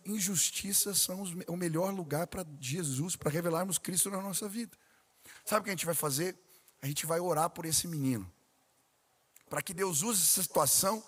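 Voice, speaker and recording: A man's voice: on the high side, a bit bright, slightly rough, long reverb tail. A man preaching a sermon as pastor, telling a story and acting out the voices of the people in it. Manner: storytelling preacher, acts out dialogue with rising intensity.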